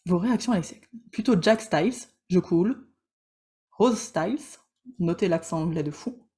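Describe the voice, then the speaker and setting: Her voice is lowish and dark-toned. She's a coach running a laid-back live teaching stream, teasing viewers, using their names, and talking fast in choppy bursts that keep restarting.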